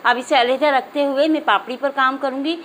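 A woman with a high, clear voice walks viewers through a home recipe step by step. She talks in a calm, instructive way and keeps addressing her audience directly. A faint hiss of noise sits under the recording. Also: a little fast, poor audio. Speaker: cooking channel host. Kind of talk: step-by-step cooking demonstration. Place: home kitchen.

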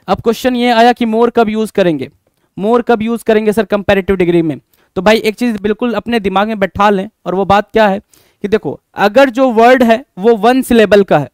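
High-voiced Indian male English teacher. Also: a little mellow, clean tone, no room sound, clean studio sound. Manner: addresses students as bhai, answers chat comments by name; repeats points and asks rhetorical questions. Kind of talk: live online exam-prep class.

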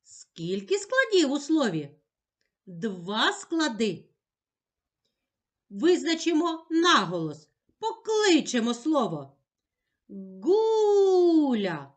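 Slow, lively-voiced woman teacher. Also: high voice. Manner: gentle, sing-song instructional tone, speaks to child as "you". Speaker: primary school teacher. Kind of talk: slow, clearly articulated literacy lesson for young children.

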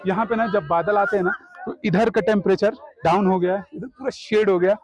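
A man's voice: high-pitched, brisk, music in the background. Chatty man vlogging outdoors. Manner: chatty, pointing things out to viewers. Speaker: travel vlogger. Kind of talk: casual travel vlog. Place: outdoors on a mountain meadow. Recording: slightly dull lo-fi camera audio.

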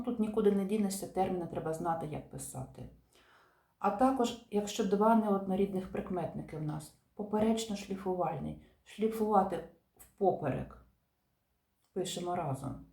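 A woman teacher explains grammar rules to her viewers in a calm, methodical way, pausing to stress each example. Her voice is mellow and slightly low. The room gives it a noticeable echo. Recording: echoey room.

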